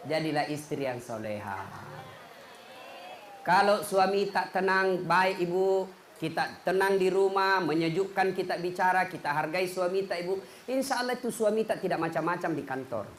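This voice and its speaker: A man's voice: high voice, animated, moderate pace, reverberant, slight background noise. A man with a Makassar accent preaching a comedic sermon, playful and often laughing as he tells his stories.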